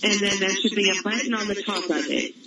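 A man's voice: sits high, little pitch movement, brisk. A man working as a customer support agent who speaks politely and hesitantly, with many fillers, on a phone call. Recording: distant echoey phone line with crowd behind.

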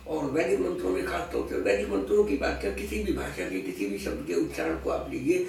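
A man's voice: fairly high pitch, wildly swooping pitch, fast talker, gravelly, darkish tone. A man being interviewed as an astrology scholar, explaining patiently with everyday examples and slipping English phrases into his speech. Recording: echoey room, voice far from mic, faint noise.

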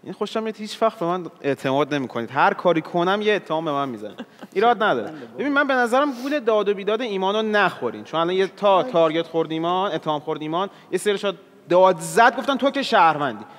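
Male contestant, high voice, methodical, long studio reverb. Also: expressive, fairly bright tone. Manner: analytical, laying out logic. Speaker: game show contestant. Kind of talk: reasoned argument in a party game.

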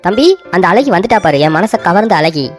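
A woman's voice: on the low side, animated, fairly quick, over music, lightly acted. A woman voicing a bossy, melodramatic older brother in a cartoon story, talking in a scolding, blustering way. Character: bossy, self-pitying elder brother, grown man.

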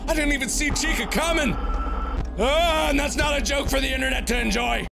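A man giving frantic, yelling commentary while playing a horror game, often swearing. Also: extremely high pitch, fairly quick, vocal fry. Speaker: gameplay commentator. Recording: loud game music behind.

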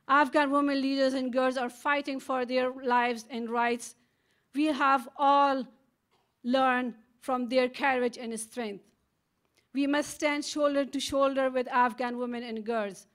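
A middle-aged woman reading an earnest prepared speech at a podium microphone in a large conference hall. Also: fairly high pitch. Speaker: conference speaker.

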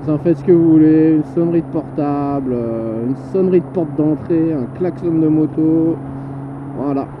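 High-voiced jokey biker guy talking over traffic, lots of road noise, kinda muffled. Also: moderate pace. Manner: excitable, jokey, self-mocking. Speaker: motorcycle vlogger. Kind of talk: riding commentary. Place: on a motorbike in city traffic.

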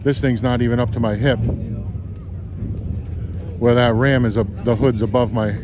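A man's voice: medium pitch, normal speed. A man casually live-streaming from an outdoor stadium car meet, chatting with viewers and people nearby. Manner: relaxed, chatty, talks to viewers and bystanders. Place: outdoor stadium parking lot at a car show. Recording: loud outdoor traffic noise.

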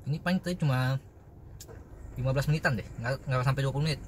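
A man's voice: medium pitch, fast, background noise. A young man chatting casually while eating, his mouth partly full, reviewing food for viewers. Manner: chatty, addresses viewers as guys. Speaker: food vlogger.

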